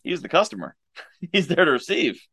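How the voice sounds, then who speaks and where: A man's voice: fairly high pitch, very animated, normal speed, pushed and bright, dry recording. Guy hosting an interview, gets emphatic about his point, dry sound. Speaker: interview host. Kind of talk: casual interview.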